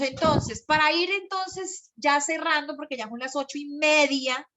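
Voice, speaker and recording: A Colombian woman lecturing students online, her voice high and bright. She gets excited, repeats phrases over and over and rushes ahead as she explains. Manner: excitable, repeats herself, talks fast. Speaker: psychology lecturer. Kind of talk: live online class.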